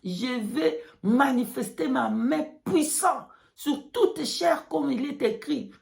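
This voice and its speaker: A woman voicing almighty God speaking from a rock in a vision, solemnly proclaiming with drawn-out words. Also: high-pitched, lively intonation, creaky, darkish tone, voice pushed up, exaggerated voice. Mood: solemn, commanding.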